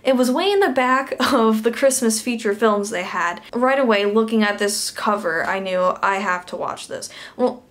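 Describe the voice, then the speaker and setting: A woman's voice: on the high side, expressive, moderate pace, few pauses, a bit bright. A young woman reviewing a bad movie in a comedic rant, sarcastic and laughing between lines.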